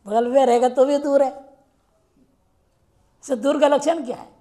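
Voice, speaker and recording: High-voiced woman teaching Sanskrit grammar. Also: steady tone, dark tone. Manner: asks the class questions and recites Sanskrit rules slowly. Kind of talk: classroom lecture explaining grammar.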